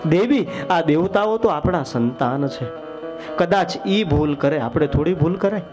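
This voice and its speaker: A young man telling a devotional story sermon, acting out the characters with sudden high, loud outbursts. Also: expressive, measured pace, music in the background. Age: young adult. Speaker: storyteller preacher.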